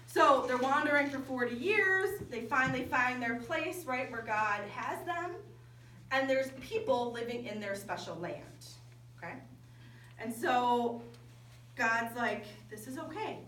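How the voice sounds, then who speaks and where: A woman camp speaker telling a story in a lively sermon to young people. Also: fairly high pitch, measured pace, slight background noise. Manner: lively, animated storytelling with quoted dialogue. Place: large indoor hall at a winter camp. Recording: echoey hall from far off.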